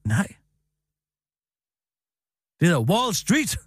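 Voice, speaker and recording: Animated, high-pitched man, bombastically lecturing. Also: slightly rough, dry recording, studio quality. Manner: bombastic, lecturing, mock-authoritative. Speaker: radio comedy host. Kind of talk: satirical radio banter.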